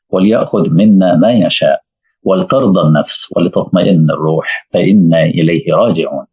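Man, Egyptian Arabic accent, religious lesson, low voice, husky, tinny phone-line recording. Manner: storytelling with rhetorical questions. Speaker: preacher.

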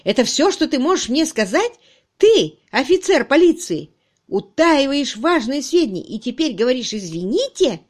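Woman narrator voicing a gruff police inspector, shouting, scolding, harsh. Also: on the high side, brisk, close to an everyday voice. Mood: furious. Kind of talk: audiobook reading.

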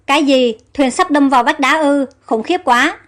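A woman's voice: high-pitched, moderate pace, natural voice. A woman reading the lines of a frightened young heroine in an audio story. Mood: panicked.

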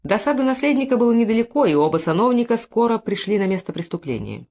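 A woman narrating an audiobook in an even, expressive reading style. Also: a little high, fast talker.

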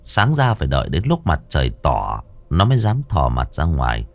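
A man narrating a village ghost story in a lively, dramatic way, acting out the characters as he goes. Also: a bass voice, normal speed.

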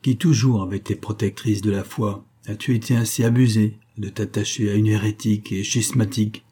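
A pompous, zealous preacher declaims his accusations with a pointing finger's force, as a male reader gives him voice. The tone is low and mellow with a husky grain. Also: steady tone, a little fast. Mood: declaiming.

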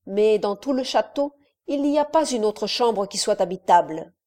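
A woman's voice: mid-range voice, animated, moderate pace, dark tone, close to an everyday voice. A woman reading as a timid old steward. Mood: fearful, deferential. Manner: hesitant, apologetic, deferential. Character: elderly male castle steward, timid, fearful. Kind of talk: audiobook character reading.

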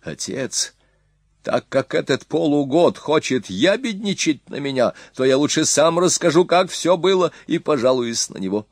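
A man's voice: moderate pace, no room sound, clean studio sound. A man putting on a brash young Hun prince. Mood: boastful. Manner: excited, boastful, rising pitch. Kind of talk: audiobook character voice.

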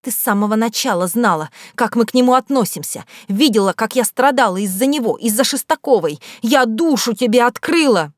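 A woman voicing an angry, hot-tempered teenage schoolgirl who shouts nervous accusations. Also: medium pitch, animated, measured pace, no echo, clean studio sound, pitched above the performer's own voice.

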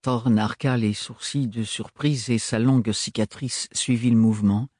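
Guy reading a novel aloud, measured pace, husky voice, dry close sound. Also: mid-range voice, steady tone, a little mellow, no room sound. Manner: measured storytelling. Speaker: narrator. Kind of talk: audiobook reading.

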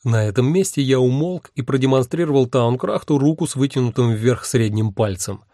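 A man's voice: medium pitch, fairly quick, dark tone, no room sound, clean studio sound. Man narrating a wry fantasy audiobook. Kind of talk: first-person fantasy narration.

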